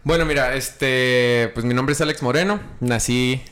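Man, musician guest, casual interview, friendly, relaxed. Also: mid-range voice, measured pace. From Chihuahua, Mexico.

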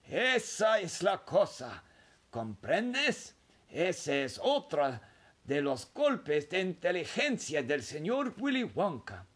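A man voicing an excited, secretive old grandfather telling a boy a hushed story. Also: high voice, slow, husky, voice pushed up, heavily acted. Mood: conspiratorial. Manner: hushed, conspiratorial, emphatic.

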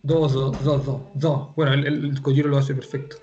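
A man's voice: mid-range voice, monotone, fast, darkish tone, muffled recording. A man from Chile with a Chilean accent, teaching an online language class and explaining at length with many restarts. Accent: Chilean Spanish.

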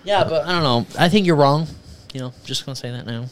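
A man's voice: a little high, fast. A man co-hosting a casual podcast chat, trading teasing, mock-outraged banter with friends. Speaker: podcast co-host.

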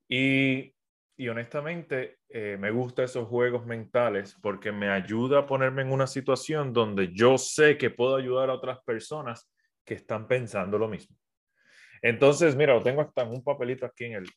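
A Puerto Rican entrepreneur and business coach, his accent softened by years in South America, gives business advice on a casual livestream from home with his phone on a tripod. He speaks straight to viewers in a mid-range voice, with many fillers and restarts.

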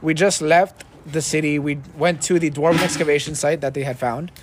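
A man's voice: fairly high pitch, steady tone, brisk, background noise. A man running a tabletop game as dungeon master, explaining casually and laughing often.

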